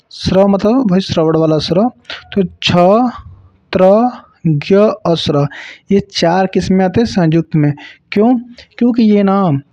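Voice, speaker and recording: Male tutor from Uttar Pradesh, exam-prep lesson, patient and joking, mellow tone, dry close sound. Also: high-pitched, no echo, muffled recording. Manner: explains slowly, repeats sounds, adds jokes. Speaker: teacher.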